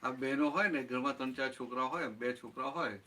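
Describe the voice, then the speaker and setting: A man's voice: mid-range voice, brisk, bright, forceful tone, slight background noise. A man giving a satsang talk as spiritual teacher, explaining with everyday examples and often checking that listeners follow. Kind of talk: satsang talk answering a question.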